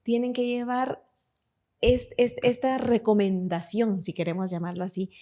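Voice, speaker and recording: A woman's voice: on the high side, little pitch movement, moderate pace, mellow. A woman with a Guatemalan Spanish accent hosting a podcast, asking guests reflective questions. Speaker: podcast host. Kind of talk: podcast interview.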